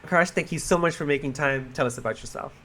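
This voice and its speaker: A man with a somewhat high voice hosts an interview podcast. He introduces the guest and asks questions in a friendly, upbeat way. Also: fast talker, bright, forceful tone. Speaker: podcast host.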